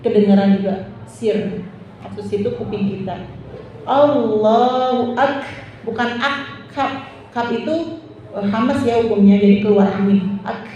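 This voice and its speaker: A woman religious teacher, giving a lesson to women, asking questions and drawing out recited phrases slowly. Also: medium pitch, warm tone, a little hiss or hum. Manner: drawn-out demonstrative recitation, asks the audience questions. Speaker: Islamic teacher. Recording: distant echoey hall, dull lo-fi sound.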